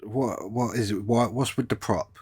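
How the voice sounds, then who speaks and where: A man's voice: on the low side, moderate pace, darkish tone, breathy edge. A man doing sarcastic commentary on clips, swearing a lot and mocking what he watches. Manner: profane, mocking, lots of swearing. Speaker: commentary host reacting to clips.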